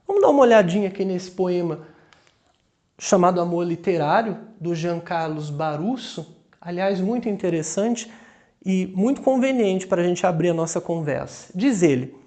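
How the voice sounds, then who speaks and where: Lively intonation marks this man's high, mellow voice as he teaches grammar with a Brazilian Portuguese accent. Slow and deliberate, he pulls example words apart syllable by syllable and keeps checking in with his class.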